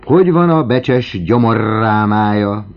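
A man voicing a slow, pun-loving male museum clerk, on a dull lo-fi recording. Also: on the low side, lively intonation, voice pushed up. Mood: jesting.

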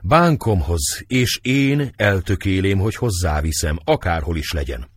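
A man voicing an old humble male peasant servant who reports in a plain, halting way, with a husky voice. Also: low voice, lively intonation, dry recording, studio quality. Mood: grim.

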